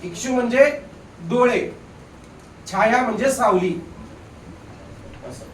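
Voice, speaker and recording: High-voiced man teaching grammar in class. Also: takes it slowly, reverberant, distant mic, slight background noise, poor audio. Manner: repeats questions to the class, coaxing and explaining. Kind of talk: classroom lecture.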